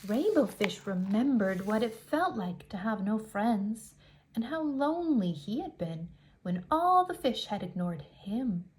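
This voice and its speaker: A woman reading a picture book aloud to young children in an expressive way, with deliberate dramatic emphasis. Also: medium pitch, low-quality recording.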